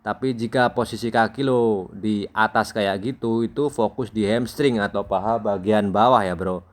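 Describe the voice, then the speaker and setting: A man's voice: fairly low pitch, moderate pace. A young man narrating a casual gym vlog like a gym bro, addressing the listener as bro all the time. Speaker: fitness content creator.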